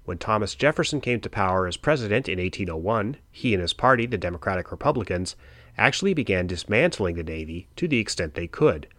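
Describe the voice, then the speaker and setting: A man's voice: low-pitched, animated, fast, a bit bright, no echo. A man narrating a history podcast in a casual, conversational way with wry asides.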